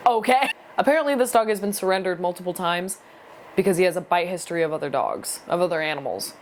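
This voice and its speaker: A woman's voice: fairly low pitch, animated, fast, slight background noise. A young adult woman chatting casually in a storytelling vlog, filling her sentences with "like". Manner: chatty, leans heavily on "like" as filler. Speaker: vlogger.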